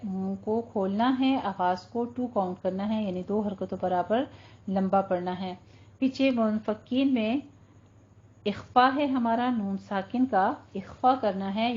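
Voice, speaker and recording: A woman teaching Quran recitation rules, patiently explaining and drawing recited words out slowly. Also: mid-range voice, darkish tone, dull audio. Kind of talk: tajweed lesson with slow recitation.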